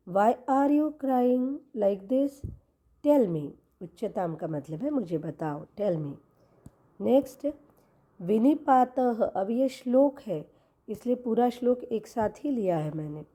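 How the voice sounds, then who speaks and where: A woman teaching Sanskrit word by word, explaining each term slowly in Hindi and English. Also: mid-range voice, dark tone. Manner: slow, explanatory, repeating each word's meaning.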